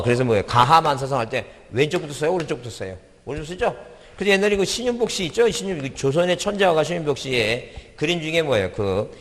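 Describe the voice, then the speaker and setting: A man's voice: mid-range voice, in a large hall. A middle-aged man giving an exam-prep lecture, repeating points and quizzing his listeners with questions.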